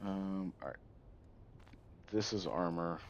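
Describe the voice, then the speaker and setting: Male gaming streamer, low-pitched, chatty and sidetracked, slightly muffled lo-fi stream audio. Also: slow pace, a little hiss or hum. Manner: rambling, easily sidetracked, chatty with a viewer. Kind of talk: casual livestream chat.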